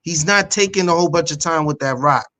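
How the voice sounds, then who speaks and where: Brief: higher-voiced New man, sports podcast co-host, insistent debater. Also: fairly quick, bright, forceful tone. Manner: emphatic, insistent, repeats points.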